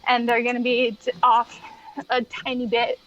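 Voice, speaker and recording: A woman chatting casually as a podcast guest, in halting phrases with a giggly manner, on slightly lo-fi audio. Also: on the high side, completely flat delivery, a bit bright. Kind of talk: casual chat.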